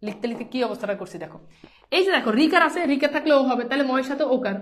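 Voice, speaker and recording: High-pitched lady teacher drilling pronunciation over and over, asks students questions, throws in english words. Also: lively intonation, racing. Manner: sprinkles English words into speech. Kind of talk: live online grammar lesson.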